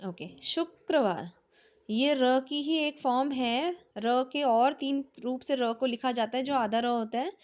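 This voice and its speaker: A woman's voice: sits high, a little slow, darkish tone. A woman teaching young children, mixing Hindi and English, spelling words letter by letter and checking often that the class follows. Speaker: primary school teacher. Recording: dull lo-fi recording.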